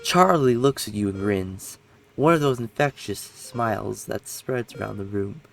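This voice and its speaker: A man's voice: lowish voice, measured pace, vocal fry, fairly bright tone. A young man playing a story game, reading its text aloud and breaking off into rambling, self-correcting commentary. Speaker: game streamer.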